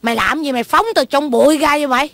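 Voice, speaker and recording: A shrill, excitable old mother. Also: very fast, no echo. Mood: fussy. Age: older. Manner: shrill, wailing, swings between sobbing and laughing. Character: excitable old mother who won the lottery. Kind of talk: comedy sketch acting. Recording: music playing behind.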